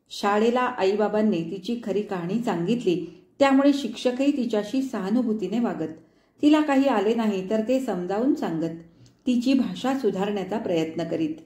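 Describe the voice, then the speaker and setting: A woman storyteller reading a short story aloud in a clear, measured narration. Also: mid-range voice, warm tone, roomy sound. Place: studio.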